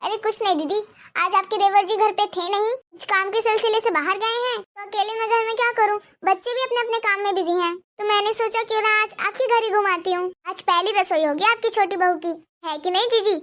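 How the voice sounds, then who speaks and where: A woman's voice: very high-pitched, steady tone, fairly quick, a bit bright. A woman voicing a gossipy, meddling middle-aged neighbor in a cartoon, with a chatty, prying, complaining way of talking. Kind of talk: cartoon dubbing.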